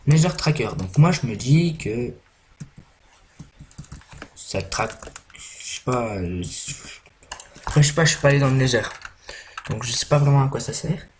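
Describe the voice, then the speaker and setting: A young Frenchman talks through a game in a loose, rambling way, full of ums and restarts. His voice sits at an ordinary pitch. Faint keyboard clicks tick along behind him. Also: a little hiss or hum. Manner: rambling, hesitant, many fillers and restarts. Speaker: gaming YouTuber. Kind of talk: casual gameplay commentary.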